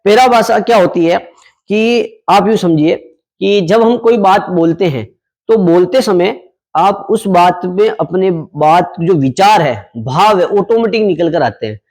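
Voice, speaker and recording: A man's voice: high-pitched, measured pace, a little mellow. A young man teaching a class, explaining exam topics in a conversational way and asking the students questions that he then answers himself.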